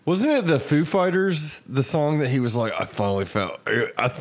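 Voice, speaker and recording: A man co-hosting a podcast, casual and halting, laughing and swearing freely. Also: fairly high pitch, animated. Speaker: podcast co-host. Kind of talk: casual chat.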